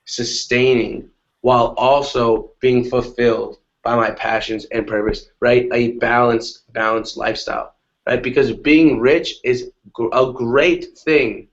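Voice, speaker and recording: A man in a casual motivational talk on a webinar call, energetic and repetitive, often asking "right?". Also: medium pitch, unhurried. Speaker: guest on a webinar. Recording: dull lo-fi webinar audio.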